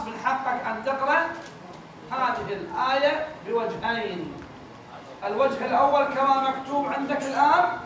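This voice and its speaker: Male recitation teacher, very high voice, patient and repetitive, chants examples; booming echoey room, mic far off. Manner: explains patiently, repeats words, chants verses slowly. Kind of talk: classroom lesson with chanted examples.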